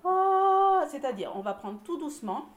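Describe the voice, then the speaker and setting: A woman's voice: a little high, animated, normal speed, reverberant. A woman leading a choir rehearsal, encouraging the singers and explaining vocal exercises, sometimes singing examples. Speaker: choir director.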